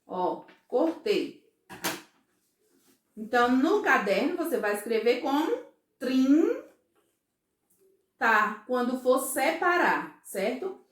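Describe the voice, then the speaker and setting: A woman's voice: high voice, big pitch swings, echoey room. A woman teaching a first-grade class in Brazilian Portuguese, speaking patiently and often checking that the children follow. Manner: slow, patient, asks children "certo?" and "ó" often. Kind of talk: recorded remote class for young children.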